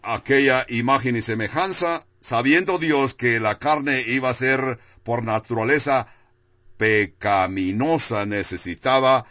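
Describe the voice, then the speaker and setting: A man preaching a sermon in a deliberate way, rising for emphasis and dropping low on key phrases. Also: sharp tone, dry recording, lo-fi sound.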